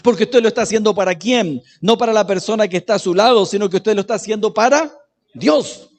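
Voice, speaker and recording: A man's voice: high-pitched, quick pace. A man preaching a sermon as pastor, chatty, often turning questions to the congregation. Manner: conversational, asks the congregation questions, varies loudness. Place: church. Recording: echoey church hall.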